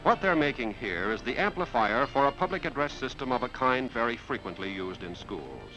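An American man narrates a scripted 1950s industrial film in an explanatory announcer style. His medium-pitched voice is sing-song, pushed and bright, and a little fast. The soundtrack is muffled, with background music.

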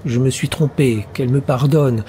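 A man's voice: medium pitch, fairly even intonation, moderate pace, mellow, slight background noise, close to an everyday voice. A man voicing a desperate, ruined middle-aged man who speaks with urgent insistence and remorse in an audiobook story. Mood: remorseful.

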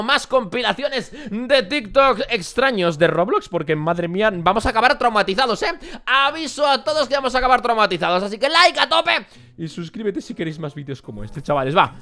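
A young man with a Spain Spanish accent gives casual reaction commentary as a YouTuber, jumping between loud exclamations and muttered asides. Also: very high-pitched.

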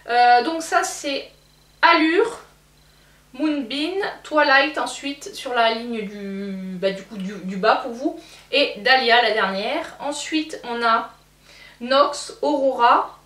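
A woman's voice: a little high, a bit bright, recorded from a distance. Chatty woman in an echoey room. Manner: chatty, hesitant with frequent fillers. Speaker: beauty vlogger. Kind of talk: casual makeup haul chat.

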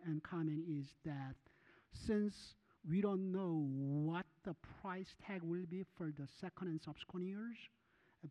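A man's voice: a little high, mellow, big-room sound, dull audio. A middle-aged man and school board member speaking carefully and methodically at a desk microphone in a large meeting room. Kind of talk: formal board meeting remarks. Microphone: desk gooseneck microphone.

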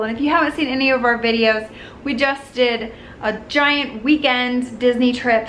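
A woman in her thirties talks casually to her viewers at a slightly high pitch. She rambles, restarts her sentences and fills the gaps with ums and likes. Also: fairly bright tone, a little hiss or hum. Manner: chatty, rambling, many fillers and restarts. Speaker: vlogger. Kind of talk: casual chat.

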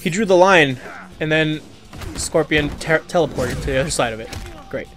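A man's voice: on the high side, moderate pace, fairly bright tone. A young man giving casual commentary on a fighting game as he plays it, reacting with groans and muttered remarks at every setback. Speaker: let's play gamer. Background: game music and sound effects.

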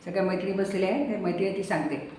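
A woman's voice: mid-range voice, rapid-fire, darkish tone. A woman hosting her channel. She tells a story in a storytelling manner to set up each verse of a devotional folk song. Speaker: channel host. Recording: very echoey room, distant mic, faint noise.

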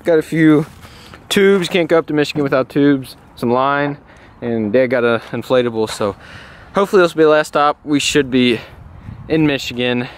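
A young man speaks casually into a camera held close, outdoors and later aboard a boat. His talk rambles loosely with frequent "uh" and "you know". Steady wind, water and engine noise sit under the voice. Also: medium pitch, moderate pace. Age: young adult. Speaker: fishing vlogger. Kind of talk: casual vlog narration. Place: outdoors by a truck, then on a boat on a lake. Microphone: handheld camera close to face, later camera mounted on boat. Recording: noisy outdoor camera audio.

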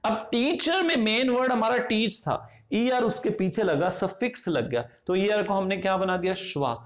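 A man with an Indian accent teaching English phonetics. He goes slowly and deliberately, asking questions and answering them himself. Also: high voice, animated. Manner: slow, deliberate, asks and answers his own questions. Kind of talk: classroom-style lesson explanation.

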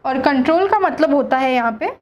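Woman teacher, high voice, revision lesson, asks students questions, repeats key words. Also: animated, fairly quick, muffled recording. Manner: mixes Hindi and English, repeats terms, asks students questions. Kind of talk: recorded class lesson, revision.

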